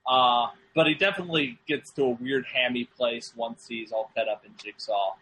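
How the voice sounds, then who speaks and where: A man's voice: mid-range voice, fairly even intonation, moderate pace, sharp tone, a little hiss or hum, poor audio. A man co-hosting a casual film podcast, rambling and joking with lots of fillers and restarts. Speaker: podcast co-host.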